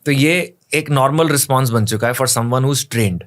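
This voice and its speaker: A man from India speaks as a guest on a podcast, explaining martial arts training at mid pitch. He moves back and forth between Hindi and English and drops into quick acted examples of greetings and coaching calls. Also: a bit bright.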